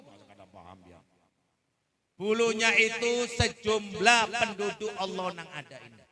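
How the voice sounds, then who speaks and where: High-voiced Banjar Malay preacher, crowd around. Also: male voice. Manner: storytelling, then loud chanted supplication. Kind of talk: sermon with closing prayer.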